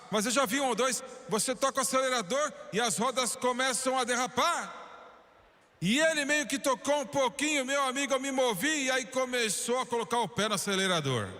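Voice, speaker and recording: A man with a Brazilian Portuguese accent giving a dubbed sermon, telling a story fervently and swinging from hushed lines to emphatic ones. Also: extremely high pitch. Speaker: preacher voice-over in Portuguese. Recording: long hall reverb.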